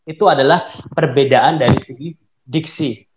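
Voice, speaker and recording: A man's voice: medium pitch, moderate pace, background noise. Man lecturing over echoey, dull call audio. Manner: explains patiently, mixes English terms into Indonesian. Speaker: invited speaker answering questions. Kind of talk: explanatory lecture answer.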